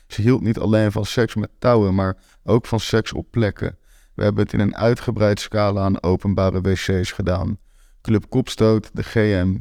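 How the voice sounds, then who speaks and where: A man's voice: deep voice, vocal fry, a little mellow, no echo. A man reading a first-person story aloud in a dry, matter-of-fact, blunt manner. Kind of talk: first-person literary narration.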